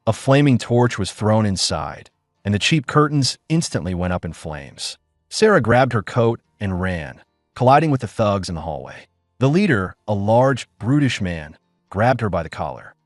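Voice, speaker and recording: A man's voice: fairly low pitch, very animated, normal speed, no room sound, studio quality, soft background music. A man narrating a dramatic story in a scripted, storytelling reading.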